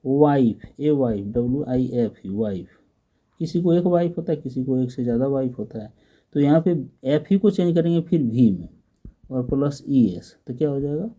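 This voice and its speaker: Mid-range, expressive and dark in tone, this man's voice leads a slow English grammar lesson. He patiently spells each word letter by letter and puts questions to the class as he goes.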